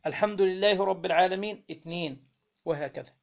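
A man with an Egyptian accent teaching Islamic law, reading a legal text aloud and then explaining it, often pausing to quiz his listeners. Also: sits high, creaky, highs cut off. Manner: reads the text then explains, quizzing listeners with "what?" pauses.

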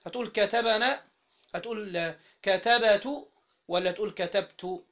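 High-voiced Egyptian grammar teacher. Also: male voice, a bit bright. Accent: Egyptian Arabic. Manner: drills students with repeated questions, spells out syllables slowly. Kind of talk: classroom grammar lesson. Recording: dull lo-fi recording.

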